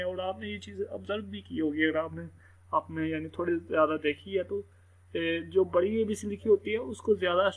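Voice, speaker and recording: A man's voice: high voice, poor audio. A man teaching an English reading lesson in a loose, casual way, filling his talk with "theek hai". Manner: loose, repetitive, full of "theek hai" fillers. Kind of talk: casual screen-recorded lesson.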